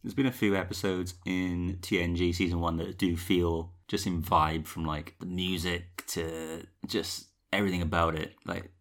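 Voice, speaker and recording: A young podcast co-host recaps a TV episode in a chatty, rambling way, full of fillers and laughs. He speaks at a normal speed in a low, level voice and barely pauses.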